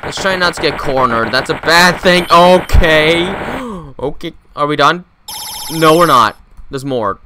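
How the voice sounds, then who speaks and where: A man giving casual, excitable commentary while playing a bullet-dodging game, reacting with jokey exclamations. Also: on the high side, unhurried, noisy background. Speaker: gameplay commentator. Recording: loud game sound effects behind.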